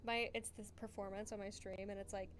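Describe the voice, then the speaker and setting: A young woman chatting casually while streaming a game, excitable, giggly and self-deprecating. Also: mid-range voice, brisk, noisy background. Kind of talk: casual gaming stream chat.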